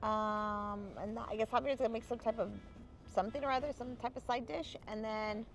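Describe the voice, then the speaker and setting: A woman's voice: on the high side, steady tone, moderate pace, soft background music. A young woman co-hosting a casual live stream outdoors by a grill, reading viewer comments aloud and greeting each person by name in a bubbly sing-song. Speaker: livestream co-host.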